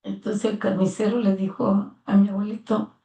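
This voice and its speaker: A woman's voice: medium pitch, flat delivery, moderate pace, mellow. An older woman with a Mexican accent telling her own life story to her son, earnest and heartfelt, acting out remembered dialogue. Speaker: interviewee, mother of the interviewer. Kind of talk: personal life story told in conversation. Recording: roomy sound, mic at a distance.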